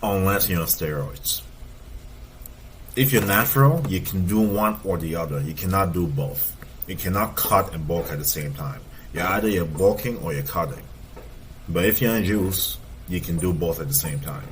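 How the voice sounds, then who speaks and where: A man's voice: low-pitched, normal speed, a little hiss or hum. A man in his thirties, a fitness coach, giving casual, emphatic reaction commentary and repeating points for stress. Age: 30s.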